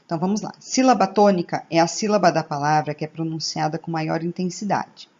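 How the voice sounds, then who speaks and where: Brazilian woman teacher, low-pitched, patient recorded lesson, muffled lo-fi sound. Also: darkish tone. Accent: Brazilian Portuguese. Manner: slow, careful teacherly explanations with checking "tá?". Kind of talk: recorded online grammar lesson.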